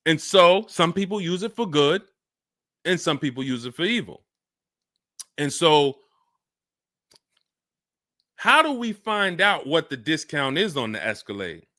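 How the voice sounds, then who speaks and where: An energetic man hosts a live car-buying Q&A, his voice bright and forceful over a close, dry mic. He talks casually and slips into little acted-out buyer and salesman asides. His pitch sits a bit higher than most men's. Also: no room sound. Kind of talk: live-stream Q&A, casual and animated.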